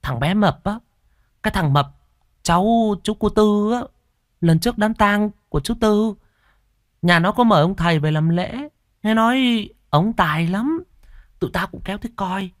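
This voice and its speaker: A man's voice: high-pitched, expressive, a little slow, no echo, clean studio sound, pitched above the performer's own voice. A man voicing a sly, boastful twelve-year-old village boy who chatters in a conspiratorial, defensive way in a spoken ghost story. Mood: excited.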